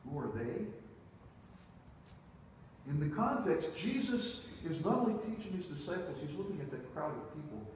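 A man's voice: fairly high pitch, very animated, normal speed, long pauses, a little mellow, slight background noise. Middle-aged male pastor, storytelling sermon, distant mic in a big reverberant sanctuary. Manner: storytelling, moves about the stage with wide gestures. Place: church sanctuary, large indoor room. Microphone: distant room mic, preacher away from the camera. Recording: echoey church hall heard from far off.

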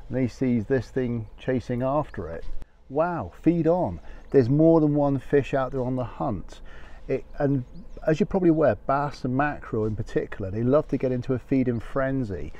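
A man in his fifties talks through his fishing gear in an easy, practical vlog style. His voice is dark and mellow. He is recorded outdoors on a lapel mic, and the sound is slightly dull and lo-fi. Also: medium pitch. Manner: chatty and practical, talks to camera. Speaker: fishing vlogger. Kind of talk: casual how-to explanation. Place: outdoor wooden deck by the sea.

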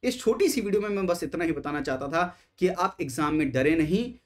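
A man's voice: a little high, animated, fairly quick. A man teaching exam strategy, speaking emphatically, asking rhetorical questions and mixing English terms into his Hindi.

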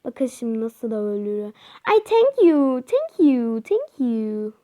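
Girl narrating her mobile game, high voice, gets super excitable and yells at the screen. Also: takes it slowly. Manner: excitable, chatty, cries out and urges during play. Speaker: gaming channel host. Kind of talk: mobile game let's-play commentary.

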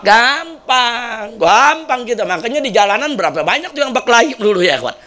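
A high, bright male voice preaches with lively storytelling energy. He often turns to the listeners as brothers, mixing humor into a moral lesson. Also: a little fast. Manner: animated, addresses listeners as brothers.

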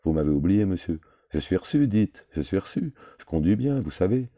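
A man's voice: low voice, very animated, a little fast, mellow, no room sound, studio quality, voice pushed up. A man voicing a young male driver who begs in a breaking voice, near tears. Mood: desperate pleading. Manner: begging, voice breaking upward.

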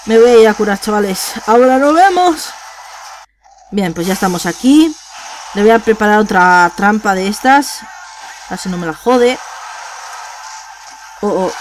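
A woman gamer with a Spain Spanish accent, giving let's play commentary; she gets excited, swears and repeats words. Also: mid-range voice, noisy background.

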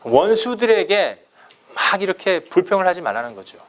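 Animated Korean-speaking male pastor preaching. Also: high voice, moderate pace. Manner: conversational preaching with many "네" fillers, rhetorical questions to the congregation. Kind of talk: sermon.

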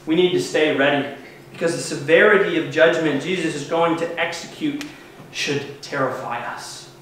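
A man's voice: on the high side, normal speed, a bit bright, far from the mic, a little hiss or hum. A man in his thirties, a pastor preaching an earnest, emphatic sermon from a pulpit in a church sanctuary. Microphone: far camera mic, no visible microphone. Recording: very echoey church heard from afar.

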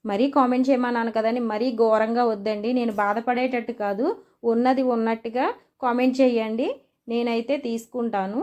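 A young woman chats softly and earnestly to her viewers in a mellow, fairly high voice. She keeps her pitch flat and even. Her voice is picked up by the device's own built-in mic, with no separate microphone. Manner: soft-spoken, chatty and earnest. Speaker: vlogger. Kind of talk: casual chat to viewers. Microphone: no microphone, phone or camera built-in mic.

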